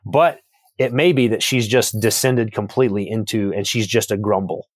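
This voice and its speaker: A man with a somewhat low voice works through ideas out loud in a thoughtful, circling way, repeating words as he builds each point. He is a guest author in a podcast conversation. The recording is close and dry, with no room sound. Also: fairly even intonation, normal speed, dry recording. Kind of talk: reflective theological conversation.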